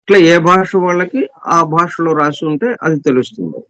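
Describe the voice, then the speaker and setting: A man giving an explanatory scripture lesson as a spiritual teacher, repeating and listing synonyms slowly and deliberately, reading English passages very slowly. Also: a little high, animated, a bit bright, no room sound. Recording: dull, dry lo-fi recording.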